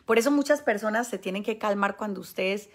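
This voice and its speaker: A woman's voice: mid-range voice, brisk. A Colombian woman, a spiritual healer, speaking emphatically to her viewers. She stresses points by repeating words. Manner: acts out the people she quotes. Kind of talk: monologue addressed to viewers.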